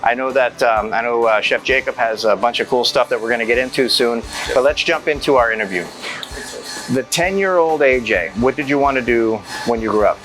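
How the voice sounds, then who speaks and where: A man's voice: mid-range voice, brisk, rough recording. A man hosting a casual restaurant interview, asking questions in an upbeat, friendly manner. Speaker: interview host. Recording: music playing underneath.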